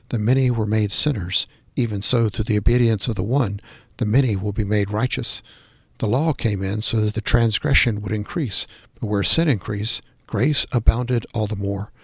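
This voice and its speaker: A man reading scripture passages and prayers aloud in a measured, reverent devotional style. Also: on the low side, vocal fry, breathy edge, no echo.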